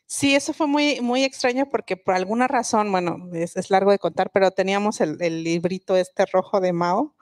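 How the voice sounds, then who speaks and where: A woman's voice: mid-range voice, normal speed, hardly any pauses, no echo. Reflective woman, dry close sound. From Oaxaca, Mexico. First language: Mixe. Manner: reflective, explanatory, with frequent restarts. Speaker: guest speaker, linguist. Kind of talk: public talk at a book festival.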